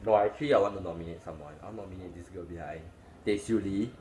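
Low voiced young dude doing casual vlog chat, mouth on fire from spicy food, noisy dishes. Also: male voice, quick pace, reverberant. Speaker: food challenge vlogger. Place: indoor living room at table. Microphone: device camera on table, arm's length. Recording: noisy room, clattering dishes.

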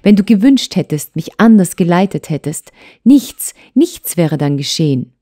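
A woman voicing a hurt young wife who pleads and reproaches her husband with urgency, in a mellow tone. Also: on the low side, measured pace. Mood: reproachful.

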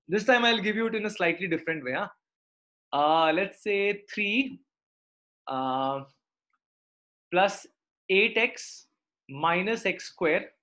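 A man's voice: high voice, a bit bright, lo-fi sound. A middle-aged man with a South Indian accent, teaching maths in a live online class and checking understanding with tag questions. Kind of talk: live interactive online lesson.

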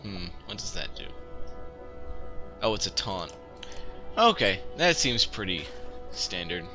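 Speaking slowly in a low, very animated voice, a young man hosts a laid-back let's-play, barking wry, playful orders at the game's characters. Behind him you can hear chiptune music and a shower running.

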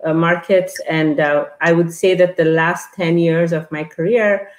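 A woman's voice: fairly low pitch, fairly even intonation, measured pace, reverberant. A middle-aged woman from Ethiopia, a guest on an online interview, talking with many fillers and restarts over an earbud headset. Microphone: earbud headset on a video call.

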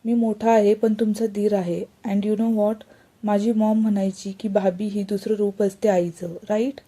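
A woman's voice: mid-range voice, level tone, measured pace, mellow, breathy edge. A woman reading the lines of a cheerful young man, an eager younger brother who mixes English words into his talk. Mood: friendly. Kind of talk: storybook reading.

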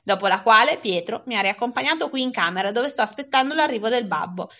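A woman reading a children's novel aloud with expressive storytelling. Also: fairly high pitch, fast talker, dull audio. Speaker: reader.

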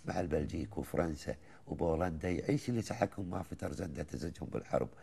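Gravelly Kuwaiti man reciting verse. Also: very deep voice, quick pace. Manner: lively, rhythmic recitation with laughter between verses. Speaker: guest. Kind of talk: reciting colloquial poetry in conversation.

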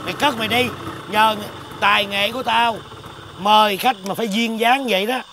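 A man's voice: high-pitched, steady tone, normal speed, sharp tone, slight background noise. An actor playing a poor, touchy adult man who lives off his friend and speaks bluntly and aggrieved, lecturing his friend. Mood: teasing. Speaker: actor in a music-video comedy drama. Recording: music score under dialogue.

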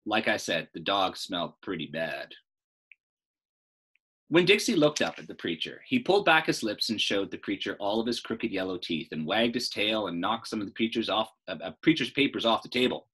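Reading a story like a teacher, this middle-aged American man sounds very animated at a normal pace. His low, husky voice has a fairly bright tone, and he adds casual asides to explain points.

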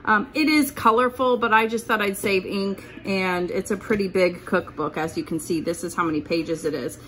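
At home by her kitchen work surface, the host of a keto cooking channel runs a casual meal-prep demonstration, talking informally and thinking aloud. Her mid-range voice is a bit bright and moves at a moderate pace over slight background noise.

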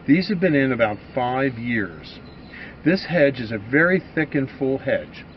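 Steady man pitching outdoors. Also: unhurried, muffled recording, slight background noise. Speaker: farm grower. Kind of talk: casual promotional walkthrough.

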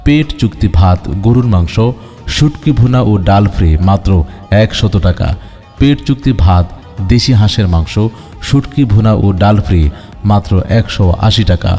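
A man making a promotional announcement over a loudspeaker, declaiming a list of dishes and prices. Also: fairly low pitch, animated, normal speed. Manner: declaiming, lists items and prices. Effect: through a loudspeaker. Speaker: advertising announcer. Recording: long reverb with background music.

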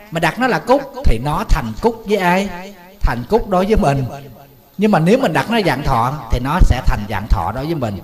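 Man, Buddhist monk, sermon, folksy questions to the audience, higher pitch.

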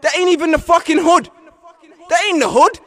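High-voiced aggressive South London man. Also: moderate pace, sharp tone, a faint crowd. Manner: aggressive, profane, mocking. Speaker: rapper. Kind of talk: diss skit.

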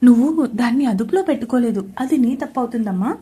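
A woman's voice: a little high, animated, fast talker, warm tone, natural voice. A woman voicing a spiteful young sister-in-law in an audio story, taunting and gleeful.

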